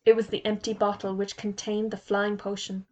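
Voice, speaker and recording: A woman reading a children's storybook aloud in an expressive, unhurried way. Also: mid-range voice.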